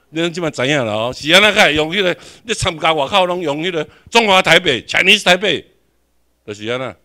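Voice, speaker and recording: A man's voice: on the high side, bright, forceful tone. A man with a Taiwanese accent giving a classroom lecture, questioning the audience and repeating his points.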